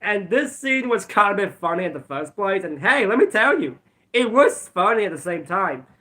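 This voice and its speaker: Chatty high-voiced man reviewing episodes. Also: sing-song, moderate pace, pushed and bright. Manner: rambling, repeats "let's be honest". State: bouts of coughing. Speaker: video reviewer. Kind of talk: casual episode review vlog.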